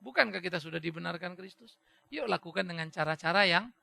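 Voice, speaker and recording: A man's voice: high-pitched, fast talker, gravelly, bright, forceful tone, no echo. A male pastor preaching a sermon who acts out little dialogues and drops in English phrases.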